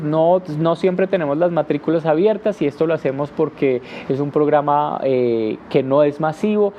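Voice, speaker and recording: A man's voice: on the high side, muffled recording, slight background noise. A man teaching English in a live question-and-answer session, explaining patiently with frequent "eh" fillers and tapping out rhythms with "ta ta ta". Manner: demonstrates rhythms with "ta ta ta". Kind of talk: live Q&A lesson.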